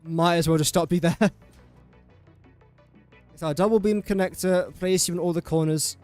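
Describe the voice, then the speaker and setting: At a moderate pace and with fairly even intonation, a young Englishman chats through a building game stream, speaking self-deprecatingly to the pieces he places. His voice is a little high and darkish, and faint music runs underneath.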